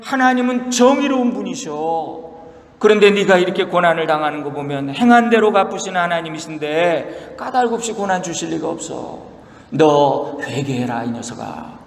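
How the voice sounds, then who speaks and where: A man's voice: on the high side, lively intonation, moderate pace. A man voicing self-righteous male friends who scold and accuse a suffering man. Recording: echoey hall reverb.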